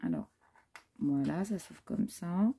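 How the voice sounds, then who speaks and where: A woman chats casually through a handmade scrapbook for her viewers. Her voice is warm and a touch husky. She keeps stopping to admire the pages and fills her talk with small hesitations. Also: low-pitched, huge pitch swings, takes it slowly. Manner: admiring, chatty, many fillers. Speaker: scrapbooking vlogger. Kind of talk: casual show-and-tell chat.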